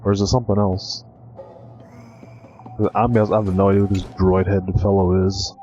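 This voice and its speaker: A man's voice: low-pitched, level tone, normal speed, dark tone, muffled recording. A young man giving casual reaction commentary as he plays a video game. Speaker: gaming streamer. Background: game music.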